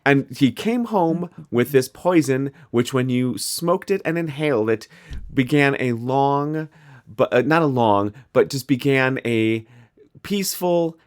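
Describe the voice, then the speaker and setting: A young man with a Midwestern American accent chats on a podcast, his pitch rising and falling freely. He jokes and restarts his sentences as ideas tumble out. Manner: animated, jokey, quick restarts. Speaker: podcast co-host. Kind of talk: casual chat.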